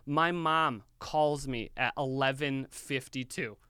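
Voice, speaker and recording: A young man telling a story in casual chat, animated and swearing freely. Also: medium pitch, slow pace, clean tone, no room sound, clean studio sound. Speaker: podcast guest.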